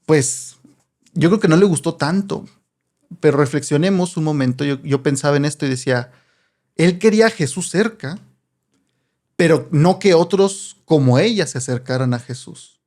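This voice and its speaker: A man with a Mexican accent explaining a Bible passage in a relaxed, conversational way, often tagging his sentences with rhetorical questions. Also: fairly high pitch, normal speed. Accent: Mexican Spanish. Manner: chatty, asks rhetorical questions, frequent "¿no?". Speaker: Bible teacher.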